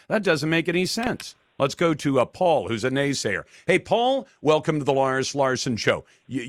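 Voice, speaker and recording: A man's voice: medium pitch, a bit bright, dry recording. Emphatic male talk radio host. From Taiwan. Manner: emphatic, argumentative. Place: radio studio. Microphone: studio microphone.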